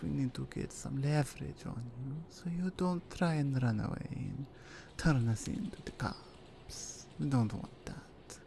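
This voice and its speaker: A voice actress plays a menacing female Russian mafia enforcer in an ASMR roleplay, using a Russian accent and slipping into teasing whispers. Her low, creaky voice is deliberately exaggerated, delivering slow, teasing menace with soft whispered asides. Slight background noise can be heard.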